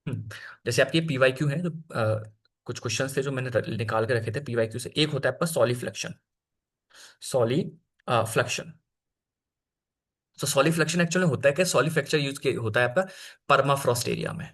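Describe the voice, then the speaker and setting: A man's voice: mid-range voice, moderate pace, a bit bright. A young adult man teaching an exam-prep geography lesson over slides in a casual, chatty way, full of fillers and self-corrections. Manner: chatty, frequent fillers and self-corrections, mixes in English terms.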